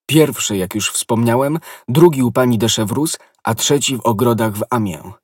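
A man's voice: mid-range voice, normal speed, slightly rough, no echo, studio quality, far from the mic, lightly acted. A man reading an ardent lovesick nobleman. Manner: passionate, impassioned declarations. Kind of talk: audiobook character reading.

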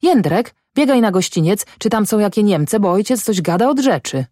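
A woman's voice: mid-range voice, animated, normal speed, mellow, no room sound, clean studio sound, pitched above the performer's own voice, lightly acted. A woman voicing an angry, stubborn peasant farm wife in an audiobook, scolding her husband with a rising voice. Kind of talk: audiobook character voice.

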